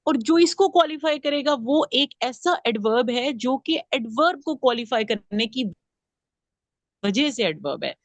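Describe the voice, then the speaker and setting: A woman with a fairly high voice leads a grammar lesson. She explains each point step by step and keeps asking her class questions. The recording is dry and close. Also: animated, a little slow, no echo. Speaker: grammar teacher.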